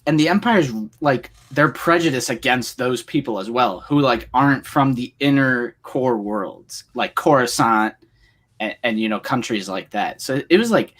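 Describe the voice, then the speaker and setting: A man's voice: mid-range voice, lively intonation, normal speed, a bit bright. A man co-hosting a casual livestream, talking in long rambling runs full of fillers. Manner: rambling, filler-heavy, enthusiastic fan talk. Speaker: co-host.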